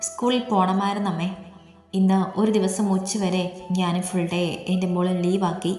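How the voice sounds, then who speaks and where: A woman's voice: lowish voice, flat delivery, moderate pace, lightly acted. A woman voicing an uneasy young husband and father who explains himself hesitantly, read as story dialogue. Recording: echoey room, long reverb, soft music.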